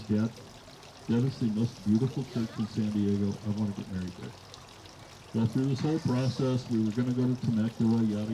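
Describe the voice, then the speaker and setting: Behind clear background noise, a middle-aged man gives a father-of-the-bride wedding toast. His pitch sits in an ordinary male range, and he tells family stories in a folksy, informal way, acting out bits of dialogue.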